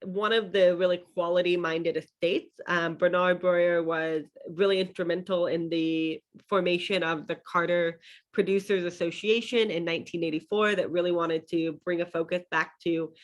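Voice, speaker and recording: A young adult woman teaching an online wine class in a casual lecture style, with many fillers and restarts as she walks through slides. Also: lowish voice. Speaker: wine educator.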